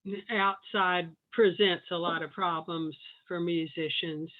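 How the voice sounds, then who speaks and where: A woman's voice: fairly low pitch, fairly even intonation, a little slow. A woman talking casually in a group conversation at an open mic. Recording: dull, lo-fi call audio.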